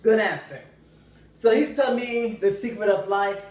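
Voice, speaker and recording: A man's voice: high-pitched, moderate pace, noisy background. A young man telling a comic story, acting out the voices of the people in it. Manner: animated, acts out characters' voices. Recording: echoey room, from a distance.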